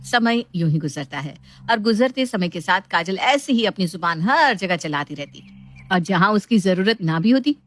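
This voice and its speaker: A woman narrating an animated family story in a calm, even, scripted style. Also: mid-range voice, normal speed.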